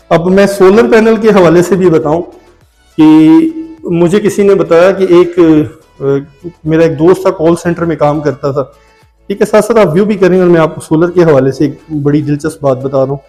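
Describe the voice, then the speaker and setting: A man's voice: a little high, moderate pace, warm tone, faint music behind. A man with a Pakistani Urdu accent, talking casually as he walks through a house for sale, drifting into side stories and often checking in with "theek hai". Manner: chatty, digressive, often adds "theek hai". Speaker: vlogger touring a house for sale. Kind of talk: casual walk-through commentary. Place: indoors and on a rooftop of a house.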